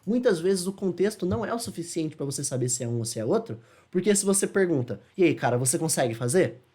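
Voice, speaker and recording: A man with a Brazilian Portuguese accent teaching an English lesson in a casual, explanatory way, often pausing with checking questions. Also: on the high side, lively intonation, dark tone, breathy edge. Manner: chatty, asks checking questions, slows to demonstrate English phrases.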